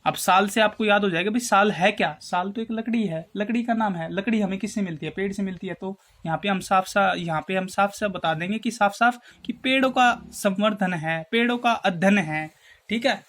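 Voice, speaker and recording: A man's voice: sits high, a bit bright. Man teaching memory tricks. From Haryana, India. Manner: explains slowly, checks in with repeated "theek hai", addresses viewers as friends. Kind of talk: exam-prep lesson with memory tricks.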